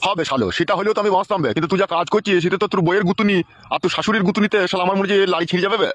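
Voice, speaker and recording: A man voicing an exasperated middle-aged father who shouts, swears and rants. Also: high-pitched, dry recording. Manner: shouting, swearing, rapid ranting.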